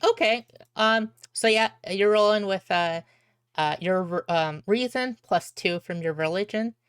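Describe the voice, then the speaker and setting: A woman running a tabletop game as game master, relaxed and full of fillers. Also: medium pitch, a little slow, clean tone, no room sound, studio quality.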